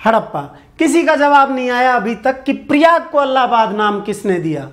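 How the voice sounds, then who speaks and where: A man's voice: extremely high pitch, lively intonation, moderate pace. A male teacher giving an online exam-prep lecture. He poses questions, answers them himself and repeats key points for his viewers. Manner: addresses viewers directly, asking for answers in the comments.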